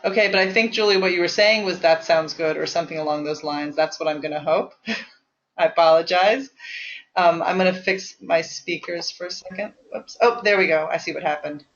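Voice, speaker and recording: A woman's voice: on the low side, moderate pace. A woman leading a health course over an online call, encouraging and talky, with lots of fillers. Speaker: course leader, health coach. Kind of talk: coaching call with a participant. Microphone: online conference call. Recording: dull lo-fi call audio.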